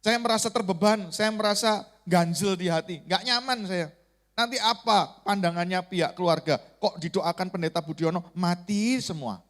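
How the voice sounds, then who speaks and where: High-voiced Indonesian pastor preaching. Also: male voice, normal speed. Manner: earnest storytelling with sudden rises and hushed drops; calls the congregation "saudara". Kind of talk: sermon.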